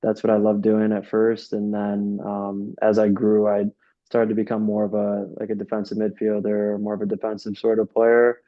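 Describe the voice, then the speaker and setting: Speaking at normal speed in a monotone, a young man with a voice on the low side rambles casually through interview questions, stopping to restart and using lots of fillers. He coaches soccer and comes from Rochester, New York, and the audio is lo-fi.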